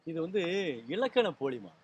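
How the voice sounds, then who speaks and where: With a high-pitched voice that swings widely, a man speaks at a normal speed while patiently explaining language and spelling rules to a small group. He quizzes them with repeated questions, and there's slight background noise.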